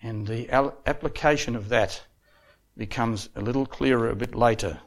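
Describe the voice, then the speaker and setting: Man, sermon, preacher, loud emphatic peaks, quiet low drops, scripture reading. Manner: reads scripture aloud in measured cadence.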